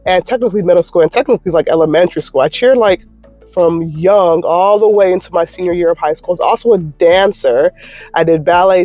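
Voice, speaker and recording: This lowish, warm voice belongs to a Michigan YouTuber in her thirties. She's sitting in her parked car in a parking lot, chatting through a relaxed question-and-answer vlog with an upbeat, encouraging manner.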